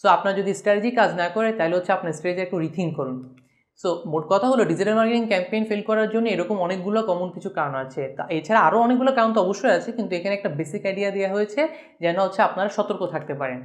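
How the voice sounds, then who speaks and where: A woman with a Bangladeshi accent giving an online lecture, explaining briskly and mixing in English terms. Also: mid-range voice. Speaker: course instructor.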